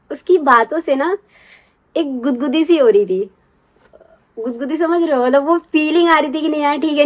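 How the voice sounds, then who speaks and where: Chatty young woman, confiding and lively. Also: fairly high pitch. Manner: chatty, confiding, keeps asking "you get it?"; drops to a hushed whisper when acting out secrecy. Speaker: storyteller recalling her first love. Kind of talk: casual personal storytelling.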